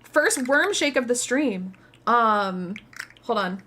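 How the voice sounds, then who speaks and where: A woman livestream host chatting casually with viewers in a cute, bubbly anime-streamer manner, excitable and gushing, with casual swearing. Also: on the high side, slow pace, heavy background noise.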